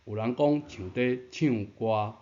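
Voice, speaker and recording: A Taiwanese language teacher narrates a patient pronunciation lesson, repeating key points and posing rhetorical questions. His mid-range voice is warm and slow-paced, and the recording sounds dull and lo-fi.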